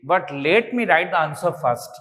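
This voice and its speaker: A man's voice: a little high, lively intonation, normal speed, fairly bright tone. A man with an Indian English accent giving a classroom grammar lecture, explaining emphatically and asking rhetorical questions. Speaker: grammar teacher. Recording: reverberant hall sound.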